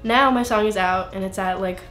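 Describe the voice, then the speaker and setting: A woman's voice: mid-range voice, normal speed, roomy sound, over music. Rambling young woman in her twenties. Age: 20s. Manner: rambling, self-interrupting, frequent "like" and laughs. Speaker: singer-songwriter guest. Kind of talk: casual interview.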